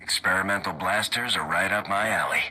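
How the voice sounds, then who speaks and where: A man's voice: sits low, fairly quick, bright, forceful tone, slightly rough, full character voice. An actor playing a firm, commanding male military captain.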